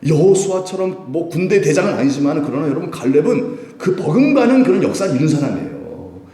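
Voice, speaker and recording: A middle-aged male pastor preaching a sermon at a midweek prayer service, lively and playful, acting out voices and laughing as he speaks. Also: fairly high pitch, fairly quick, reverberant. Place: church sanctuary.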